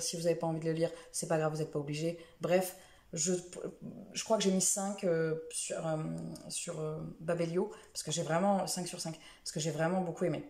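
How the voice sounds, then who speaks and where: Woman rambling about her books for the week, low mellow voice, lots of euhs, room echo. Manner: chatty, rambling, many fillers and self-corrections. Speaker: book vlogger. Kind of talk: casual book review chat.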